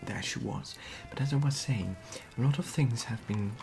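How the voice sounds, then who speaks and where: A performer in an ASMR role-play as a genteel period society lady, gossiping softly and confidingly at a tea parlour. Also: mid-range voice, moderate pace, over music, natural voice. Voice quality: soft-spoken.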